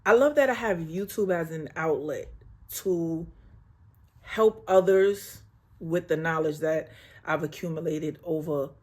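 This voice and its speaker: A woman's voice: lowish voice, darkish tone. A woman vlogger talking straight to the camera, giving emphatic motivational advice in a casual, preachy way and repeating her points. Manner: calls the viewer baby. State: getting emotional, near tears. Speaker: lifestyle vlogger.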